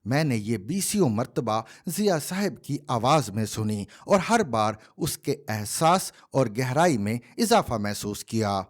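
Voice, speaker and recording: Man reading a column with lively pitch. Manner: measured, expressive reading. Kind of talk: scripted narration.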